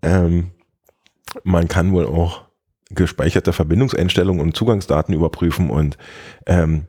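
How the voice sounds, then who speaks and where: A man with a very deep, mellow voice talks through tech tips in a relaxed podcast chat. He hesitates often, filling gaps with ums as he explains step by step. His tone has a husky edge. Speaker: podcast co-host.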